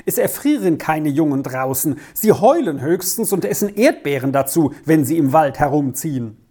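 Woman reader as agitated father: exasperated, fussy, lively and mellow. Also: deep voice, moderate pace, slightly rough. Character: flustered middle-aged father, easily alarmed.

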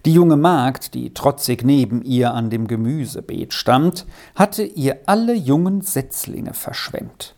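A woman reading a children's story aloud in a calm, measured way. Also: a bass voice. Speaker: narrator.

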